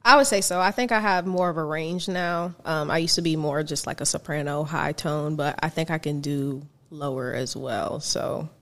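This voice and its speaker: A woman's voice: sits low, steady tone, moderate pace, few pauses, a bit bright. A young woman musician, a guest on a casual podcast, talking in a laid-back way with frequent ums and light laughs. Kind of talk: casual interview chat.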